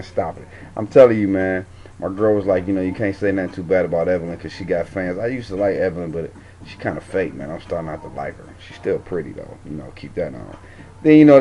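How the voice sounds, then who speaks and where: A man's voice: on the low side, a little mellow, muffled recording. Blunt, profane man ranting. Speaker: show host reviewing a TV show. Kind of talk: casual ranting commentary.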